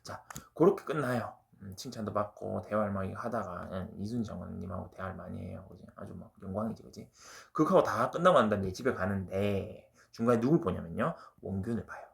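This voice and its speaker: A man teaches a casual exam-prep literature lesson, talking fast in a lowish voice. His tone is gravelly. He keeps checking in with his listeners and slips into slang as he goes. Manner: chatty, keeps asking "right?" and drops into slang. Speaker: Korean literature lecturer.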